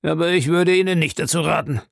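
A man reading an audiobook, voicing a cruel old man who relishes other people's suffering in a slow, savoring way. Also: a little high, gravelly, fairly bright tone, dry recording, clean studio sound, pitched above the performer's own voice. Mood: showing off. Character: cruel gloating old man, castle owner. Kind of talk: audiobook character voice.

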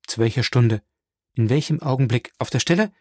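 A man's voice: mid-range voice, brisk, a little mellow, dry recording, studio quality, natural voice. A man reading an audiobook, voicing a pious young woman in despair who pleads fervently and through tears. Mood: resolute, fervent.

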